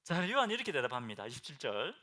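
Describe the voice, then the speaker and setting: Animated, bright-voiced preacher man. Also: mid-range voice, very fast. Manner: animated, keeps asking the congregation questions; swings between loud bursts and hushed, near-whispered lines. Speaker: pastor. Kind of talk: sermon. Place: church sanctuary.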